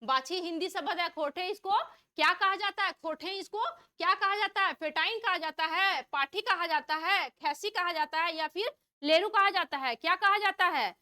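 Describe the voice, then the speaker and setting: A woman teacher runs an exam-prep vocabulary lesson in a high, bright voice. She reads out the answer options and asks each question twice before she gives the answer. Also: moderate pace. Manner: reads out multiple-choice options.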